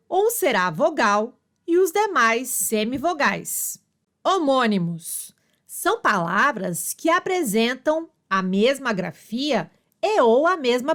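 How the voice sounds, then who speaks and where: A woman teacher reading a grammar lesson aloud, slow and deliberate, spelling words out syllable by syllable. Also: high voice, a bit bright.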